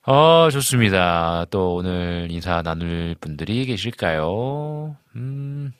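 A man's voice: low voice, big pitch swings, slow pace, clear, resonant tone, no room sound, clean studio sound. A man in his forties, a pastor hosting a live stream, reading out viewer comments and chatting casually with many fillers. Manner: chatty, warm greetings, frequent fillers and chuckles.

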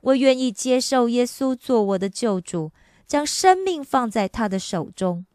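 A woman voicing a gravely ill man who pleads anxiously to be saved. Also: fairly high pitch, expressive, unhurried, darkish tone, no echo, clean studio sound, voice pushed up. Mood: grateful.

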